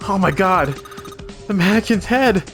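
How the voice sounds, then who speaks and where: A man puts on an excitable, bratty young woman from a video game. The voice is pushed high and loud, with a whiny, exclamatory edge. Game music plays behind it. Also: measured pace. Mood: shocked. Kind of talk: video game character read-aloud.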